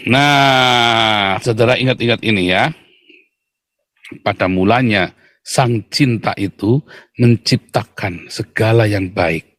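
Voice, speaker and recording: A man's voice: medium pitch, breathy edge, dry recording. A man preaching a sermon, speaking animatedly, acting out complainers and calling listeners "Saudara". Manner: animated, addresses listeners as "Saudara", acts out complainers in mocking voices. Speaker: pastor.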